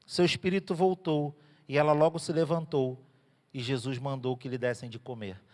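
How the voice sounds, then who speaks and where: A man's voice: mid-range voice, moderate pace, long reverb tail. A man preaching a sermon as a pastor in a church, telling the story animatedly. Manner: animated storytelling, acting out characters.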